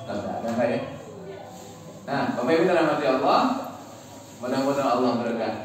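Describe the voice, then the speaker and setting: A man's voice: medium pitch, a little fast, music in the background. A male preacher giving a sermon, asking the congregation questions and teasing them. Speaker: Islamic preacher. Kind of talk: sermon with call-and-response. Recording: very echoey hall, distant mic, background noise.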